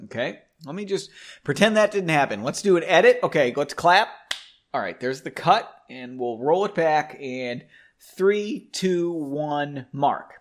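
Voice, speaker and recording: A young male podcast host with a fairly high, lively voice reads a novel aloud at a measured pace. He keeps stopping to add loose, joking, self-deprecating commentary, swearing casually as he goes.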